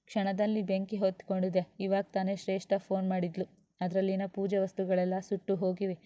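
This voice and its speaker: A woman's voice: medium pitch, completely flat delivery, warm tone, no room sound, dull audio, lightly acted. A woman voicing a worried young man hurriedly reporting bad news. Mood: anxious. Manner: hurried, anxious.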